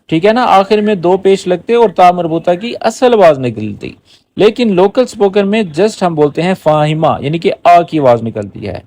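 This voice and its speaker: A man teaching spoken Arabic, repeating each phrase slowly and explaining it word by word. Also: high voice, a little mellow. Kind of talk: language lesson.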